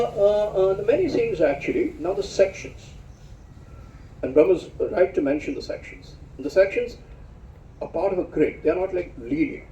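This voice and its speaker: Reflective middle-aged man lecturing, roomy echo. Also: a little hiss or hum. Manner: reflective, searching for words, dry self-deprecating humor; animated, rises sharply in pitch for emphasis. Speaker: invited speaker discussing his book. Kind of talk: spoken lecture at a book discussion. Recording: roomy hall sound from a distant mic.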